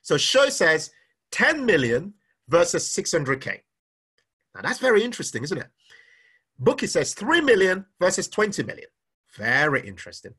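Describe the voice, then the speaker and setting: A man's voice: sits high, moderate pace, pauses often, slightly rough. A middle-aged man giving a live-streamed talk on personal finance, reading out viewers' comments and firing questions at them with lots of repetition. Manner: energetic, repeats questions, reads comments aloud. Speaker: finance speaker.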